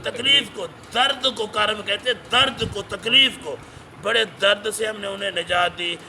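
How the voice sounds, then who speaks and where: High-voiced man reciting and explaining verses. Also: fairly even intonation, sharp tone. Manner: recites Arabic verses, then explains them line by line with teacher's questions. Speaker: Quran teacher. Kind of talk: Quran translation lesson. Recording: noisy recording with traffic behind.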